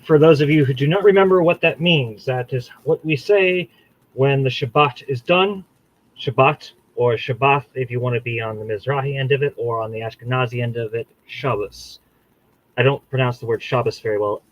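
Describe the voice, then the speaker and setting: A man's voice: mid-range voice, highs cut off. A man hosting his own channel, giving a combative, profane solo monologue that rambles and restarts mid-sentence. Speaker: channel host.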